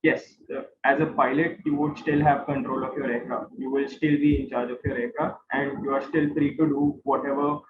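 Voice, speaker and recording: A male instructor with an Indian accent explains things informally to students, repeating phrases for emphasis, at normal speed with hardly any pauses. His mid-range voice stays level. The recording is noisy in the background and sounds roomy and tinny, like phone audio from an online class.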